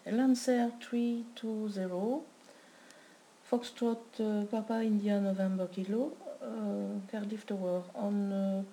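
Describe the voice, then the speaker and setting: Hesitant, slow woman making pilot radio calls. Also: medium pitch, steady tone, warm tone, a little hiss or hum. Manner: hesitant, halting delivery of set phrases. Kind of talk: air traffic control radio phraseology practice.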